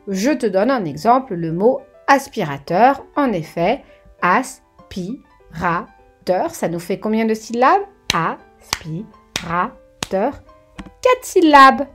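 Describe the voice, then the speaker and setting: A woman giving a children's grammar lesson, speaking slowly and clearly, breaking words into syllables and asking the viewer questions. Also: fairly high pitch. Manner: slow and clearly articulated, syllable by syllable; addresses the viewer warmly with questions. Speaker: teacher. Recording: soft background music.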